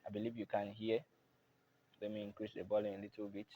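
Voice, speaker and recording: A man's voice: on the low side, completely flat delivery, fast talker, loud music behind the voice. A man giving a patient, casual step-by-step keyboard tutorial at his instrument. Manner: plain, patient, repeats "I believe you can hear".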